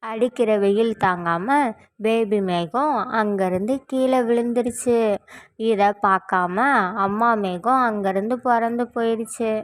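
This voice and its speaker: A woman narrating a children's cartoon story in a steady storytelling way. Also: fairly high pitch, unhurried.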